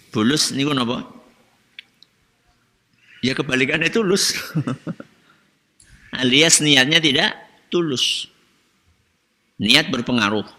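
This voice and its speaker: A man's voice: medium pitch, slow pace, creaky, long pauses, bright, forceful tone. A man giving a religious study lecture as a preacher, asking his audience questions and answering them himself. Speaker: Islamic preacher. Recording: long hall reverb.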